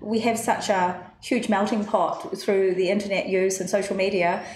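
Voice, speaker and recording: A woman's voice: mid-range voice, steady tone, normal speed, darkish tone. Hesitant New woman guest. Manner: hesitant, many fillers. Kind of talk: studio interview. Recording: echoey studio, faint noise.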